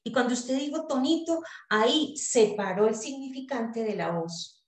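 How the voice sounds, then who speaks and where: A woman's voice: on the high side, expressive. A woman leads a study group, explaining step by step with frequent hesitations and checking questions. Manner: deliberate, hesitant, with frequent "eh" pauses and rhetorical checks. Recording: roomy echo.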